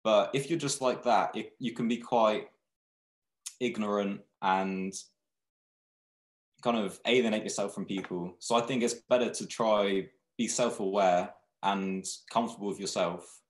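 A young male brand founder from Thailand, raised in England, speaks in a lowish, slightly slow voice during a casual video-call interview. He's relaxed and rambling, often restarting his sentences. His webcam picks up an echoey small room indoors.

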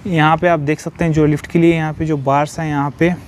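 A man with a fairly high, flat voice talks quickly while touring an outdoor building site, phone in hand. He explains the work over and over, sprinkling in English technical vocabulary, and a little hiss or hum sits under the recording.

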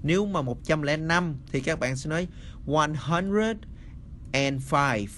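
A man gives a casual spoken lesson at an unhurried pace, repeating each word and checking often that the listeners follow. His voice is bright and sits a little high for a man, with a faint hum of the room behind him. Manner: slow, repeats words, addresses viewers as friends. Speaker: English teacher.

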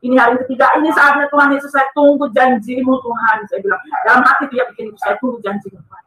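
A high, bright-voiced woman tells a personal testimony at a quick clip. She speaks earnestly and with emphasis, and she keeps addressing her listeners as friends. Her voice sits back from the mic in an echoey room. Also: steady tone, recorded from a distance.

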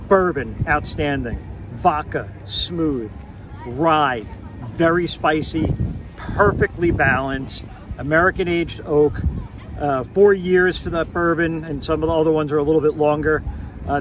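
Upbeat guy in his 40s filming himself outside, bit high voice, noisy lot behind. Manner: upbeat, emphatic lists of verdicts. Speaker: vlog host. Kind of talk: casual travel review vlog. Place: outdoors in a parking lot. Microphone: phone camera at arm's length. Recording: outdoor noise.

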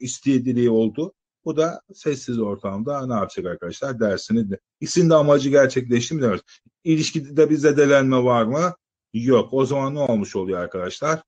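A man lecturing exam candidates in a slightly husky voice. He talks in a loose, conversational way, firing rhetorical questions at the class and stretching out filler sounds while he thinks. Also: medium pitch, a little mellow, muffled recording. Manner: asks students rhetorical questions, many "e" fillers. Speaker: exam-prep teacher. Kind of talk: live lecture to students.

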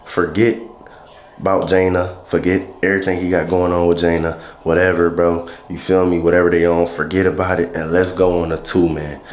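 Low in pitch and darkish in tone, a congested young adult vlogger keeps up laid-back slangy chatter and hyped greetings toward a handheld camera at arm's length. He moves from a small indoor room into a big electronics store, and the sound is roomy with slight background noise.

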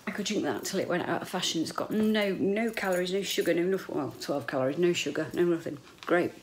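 A middle-aged British vlogger talks to her viewers quickly in a slightly low voice, rambling in a playful, casual way and swearing mildly now and then. She's in a small, echoey bedroom at home, filmed on a handheld camera held at arm's length, with a little hiss or hum in the audio.

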